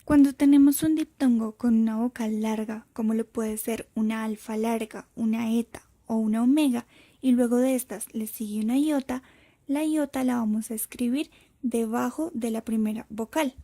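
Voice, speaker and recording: Soft-voiced woman teaching a lesson. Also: a little high, fairly even intonation. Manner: slow, careful explanatory delivery. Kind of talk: scripted lesson narration.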